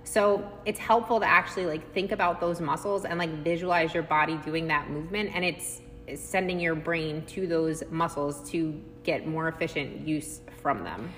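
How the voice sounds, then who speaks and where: A woman's voice: normal speed, fairly bright tone, faint music behind. A woman who coaches fitness, co-hosting a casual podcast recorded in a gym. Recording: echoing gym, long reverb, faint rumbling noise.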